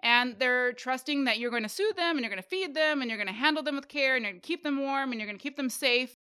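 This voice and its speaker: A woman's voice: sits high, fast, sharp tone, clean tone. A woman co-hosting a casual conversation, reflectively working through an idea with frequent "you know" asides.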